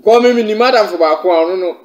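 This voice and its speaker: A Ghanaian man in his thirties talks fairly high straight to the camera. He chuckles as he goes, and the room adds a roomy echo. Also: racing, muffled recording. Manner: chuckling, mixing English with a local language. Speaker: video blogger presenting a trending clip. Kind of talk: vlog commentary. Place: indoors by a staircase.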